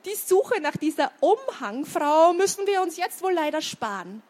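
Woman reader as a jittery, high-pitched young boy in a children's story. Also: animated. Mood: breathless. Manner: anxious, high and quick to worry. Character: timid young boy who sees ghosts.

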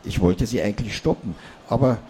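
A man's voice: lowish voice, a little fast, mellow, slight background noise, lightly acted. A man voicing a small, cheeky old male dwarf who lectures humans about themselves. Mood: earnest.

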